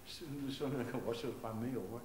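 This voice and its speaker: A man's voice: medium pitch, steady tone, darkish tone. Man coaching a singer in a roomy hall. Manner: breaks into sung Italian phrases to demonstrate; repetitive, halting, full of 啊 and 哎 fillers. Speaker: voice teacher. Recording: roomy archival class recording, faint hiss.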